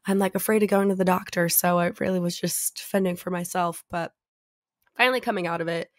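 A young woman co-hosting a podcast in casual chat, her voice raspy and hoarse from a sore throat, chatty with lots of fillers. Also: lowish voice, fairly even intonation, brisk, no echo. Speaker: podcast co-host.

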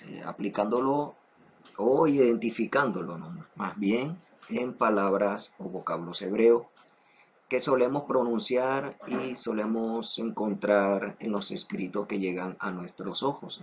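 A man teaching an online Hebrew lesson, slow and deliberate, repeating each word three times so it sinks in. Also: on the low side, slight background noise. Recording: dull lo-fi recording.

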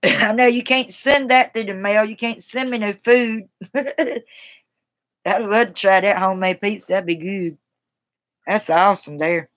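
A middle-aged woman from South Carolina with a Carolina Southern accent hosts a livestream from a webcam in a small room at home. Her mid-range voice is steady and her pace measured with long pauses as she chats casually with viewers and responds to them in a rambling, folksy, colloquial way.

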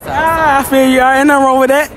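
A man's voice: very high voice, flat delivery, a bit bright, a little hiss or hum. A man hosting a casual street interview, hyped and slangy, joking with his guests outdoors. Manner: hyped slangy banter, quick laughs. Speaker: street interviewer and YouTuber host.

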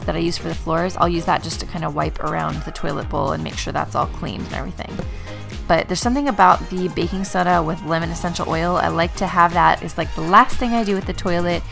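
Chatty woman with a gravelly voice. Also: lowish voice, quick pace, music in the background. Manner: chatty, with many fillers. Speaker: vlogger, stay-at-home mom. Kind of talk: casual voice-over narration. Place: bedroom at home.

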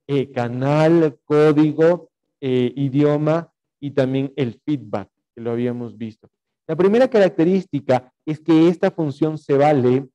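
A man's voice: medium pitch, mellow. A young man with an Ecuadorian Spanish accent, teaching a class over a video call, explaining and dictating notes with frequent fillers and rhetorical checks. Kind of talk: online class lecture.

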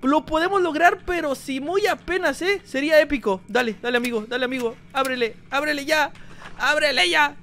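A man giving energetic gameplay commentary, talking straight to his viewers. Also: extremely high pitch, brisk. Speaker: gaming YouTuber.

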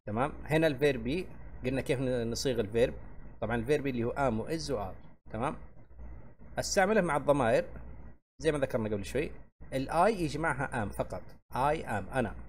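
A man's voice: medium pitch, lively intonation, slight background noise. Man teaching English grammar. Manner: checks in with a frequent "tamam?" and repeats each point slowly; reads English examples slowly, then translates. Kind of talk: grammar lesson explained in Arabic.

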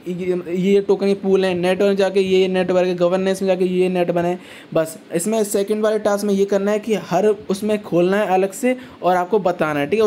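Mellow-voiced man walking through a tutorial. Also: high voice, slight background noise. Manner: chatty, repeats "ठीक है" and addresses viewers as brothers. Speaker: crypto tutorial YouTuber. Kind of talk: casual screen-recorded walkthrough.

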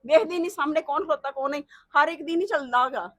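A woman's voice: high voice, fast talker, no echo, studio quality, natural voice. A woman acting a mother-in-law sharply scolding her daughter-in-law in a family drama.

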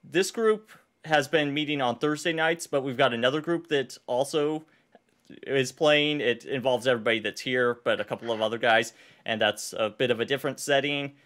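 A man with an ordinary mid-range voice running a tabletop game for a live stream. He talks in a halting way, restarting phrases and filling gaps with "uh". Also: medium pitch, fairly bright tone. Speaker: game master.

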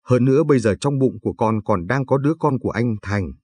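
A man's voice: medium pitch, lively intonation, fast, darkish tone, breathy edge, no echo. A man reading the lines of a frightened, tearful young pregnant woman in a spoken story. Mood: pleading. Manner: pleading.

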